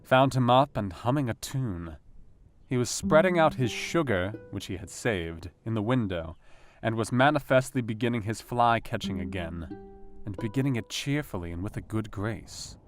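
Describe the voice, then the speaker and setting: An actor playing a brooding, intellectual Victorian asylum doctor, speaking a measured, formal diary monologue in a radio play. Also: male voice, on the low side, animated, lightly acted. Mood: measured, reflective. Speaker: actor in an audio drama. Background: guitar music.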